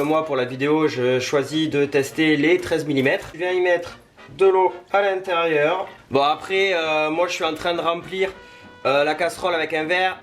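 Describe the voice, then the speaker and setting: A man's voice: a little high, fairly bright tone. A man chatting informally through a hands-on tutorial vlog in a home kitchen, self-deprecating and loosely spoken with some mild swearing. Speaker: video creator testing a product.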